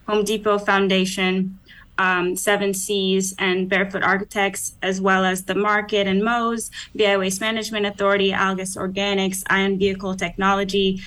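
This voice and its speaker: A woman's voice: mid-range voice, a bit bright. A woman from St. Thomas, a radio guest, speaking steadily with fillers as she lists items. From St. Thomas, US Virgin Islands. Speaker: energy fair organizer.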